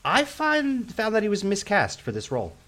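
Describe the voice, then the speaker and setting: A man's voice: high voice, huge pitch swings, normal speed, fairly bright tone. A man co-hosting a podcast, chatting casually among friends in a dry, sarcastic way. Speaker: podcast co-host.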